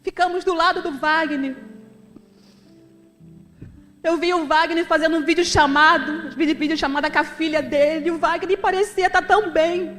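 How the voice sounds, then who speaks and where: Brief: middle-aged woman, high voice, heartfelt church testimony, long hall reverb. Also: steady tone, normal speed, fairly bright tone, soft background music. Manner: emotional, conversational, addresses the congregation as brothers. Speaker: deaconess giving a testimony. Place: church sanctuary.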